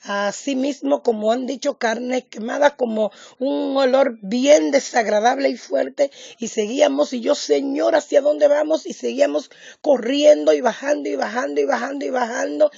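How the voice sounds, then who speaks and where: Female pastor, fervent testimony preacher, gravelly higher voice, dry lo-fi recording. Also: moderate pace, darkish tone, no echo. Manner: fervent, repetitive preaching, addressing brothers. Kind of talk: testimony sermon.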